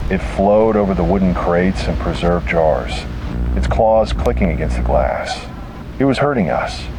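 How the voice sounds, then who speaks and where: In a low, deep voice, a man narrates a scripted first-person horror story, dramatic and delivered in short, deliberate phrases. A distinct rumbling noise runs behind him.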